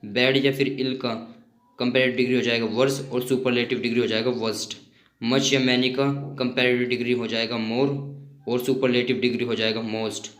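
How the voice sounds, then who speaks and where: Male grammar teacher, monotone delivery, spells out suffixes letter by letter, roomy echo. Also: medium pitch, brisk. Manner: spells out suffixes letter by letter and lists word forms. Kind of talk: explaining grammar rules with examples.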